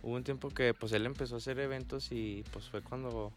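A man's voice: medium pitch, steady tone, a little fast, faint music behind. A man with a Mexican accent who boxes, telling stories in a slangy, casual way. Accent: Mexican Spanish. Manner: slangy, storytelling. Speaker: boxer. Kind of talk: casual conversation.

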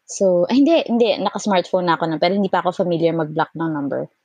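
A woman from Cavite in her late twenties, co-hosting a podcast and chatting casually, who tells stories in an animated way and acts out what people said. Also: fast, husky, dry recording, muffled recording. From Philippines, Cavite. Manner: animated storyteller, acts out quotes with sharp pitch jumps and laughs. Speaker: podcast co-host. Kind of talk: casual chat, Taglish storytelling.

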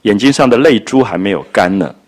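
A man's voice: lively intonation, fast talker, breathy edge. A man reading a tender teenage boy. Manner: soft, low, gentle reading of quoted speech.

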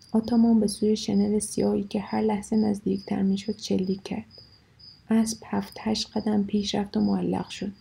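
A woman reads a story aloud in a measured, steady way. Her voice is heavily gravelly and husky, with a dark, mellow tone. Her pitch stays mostly flat. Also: poor audio. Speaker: narrator. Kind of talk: scripted story narration.

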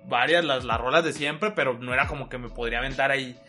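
A young man with a Mexican accent telling a story in casual chat with friends, slangy and animated, full of swearing. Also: medium pitch, fast talker, loud music behind the voice. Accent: Mexican Spanish. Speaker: podcast host.

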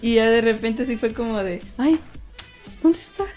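A woman's voice: fairly high pitch, moderate pace, faint music behind. A young woman with a Mexican accent, casually telling friends about a dream, acting out the voices and laughing often. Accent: Mexican Spanish. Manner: animated storyteller, acts out voices, laughs often.

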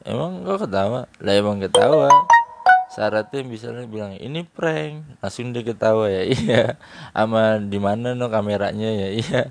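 A man's voice: fairly low pitch, normal speed, gravelly, over loud music. A man in casual, teasing chat, laughing often as he jokes around. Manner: joking banter with frequent laughter; slangy and teasing.

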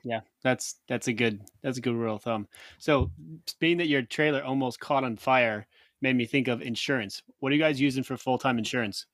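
A man co-hosting a podcast, joking and reacting in a lively way. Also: medium pitch, a little fast, no echo, studio quality. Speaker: podcast co-host. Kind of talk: casual interview.

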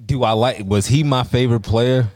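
A man co-hosting a casual sports talk show, animated and emphatic, often repeating himself. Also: mid-range voice, normal speed. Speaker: podcast co-host.

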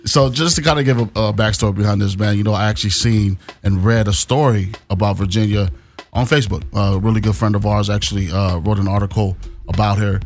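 A man's voice: on the low side, fairly even intonation, a little fast, faint music behind. A man co-hosting a radio talk show from a studio, talking casually and rambling with many fillers.

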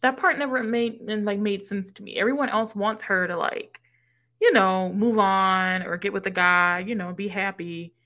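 A woman's voice: mid-range voice, normal speed. A woman co-hosting a podcast, chatting casually as she retells a movie's plot, acting out the characters' lines as she goes. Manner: animated storytelling, acts out characters' lines, swears casually. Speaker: podcast co-host. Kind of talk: casual movie recap chat.

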